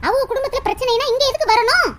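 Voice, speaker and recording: Cartoon young wife, sharp and sneering, played by a woman, very high and fast. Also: over loud music. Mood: scornful. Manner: scolding, sneering, quick retorts. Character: sharp-tongued young wife, scornful of her in-laws.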